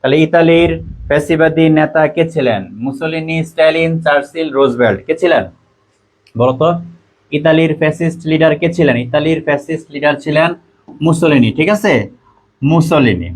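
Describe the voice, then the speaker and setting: A man's voice: a little high, a little fast. A man from Bangladesh tutoring a class online, repeating each quiz question and its answer options and reading out students' answers. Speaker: admission test tutor.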